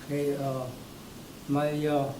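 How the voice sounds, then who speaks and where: A man in his seventies from New Mexico, recalling his family's mining past in a halting way with many restarts. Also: on the high side, completely flat delivery. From Raton, New Mexico, US. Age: 70s. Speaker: interviewee. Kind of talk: casual recollection. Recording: echoey room with background noise.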